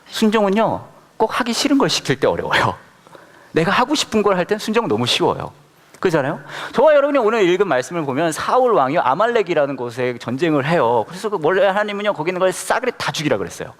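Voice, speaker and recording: A man preaching to his congregation in a quick, high, lively voice that swoops up and down as he keeps firing questions at them. His words trail off into a long reverb from the church hall. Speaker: pastor. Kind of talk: sermon. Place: church worship service.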